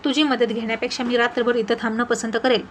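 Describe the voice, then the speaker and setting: A woman's voice: fairly high pitch, flat delivery, fast talker, slight background noise, close to an everyday voice. Hot-headed rich young man, woman narrator doing him, snappy and cross, storybook. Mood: irritated. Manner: snappy, irritated. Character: proud, short-tempered rich young man.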